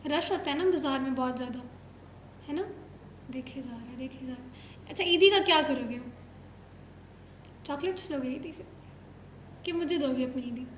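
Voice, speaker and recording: A woman with a bright, high voice hosts a casual chat with kids, teasing and coaxing them with one playful question after another. Her voice bounces around a roomy, echoing space. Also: moderate pace, long pauses, a little hiss or hum. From Pakistan. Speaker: show host interviewing children. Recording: roomy echo.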